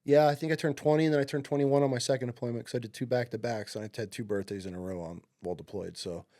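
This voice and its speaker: Speaking very fast with a mellow, steady mid-range voice, a Marine veteran in his late thirties from upstate New York tells laid-back stories as a podcast guest. He swears a lot and leans heavily on "dude" and "like" throughout the casual interview.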